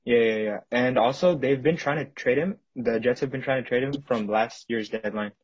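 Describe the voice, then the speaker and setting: A man's voice: medium pitch, moderate pace, slightly rough, highs cut off. A man hosting a casual sports podcast, chatting about football and often repeating words as he jumps in.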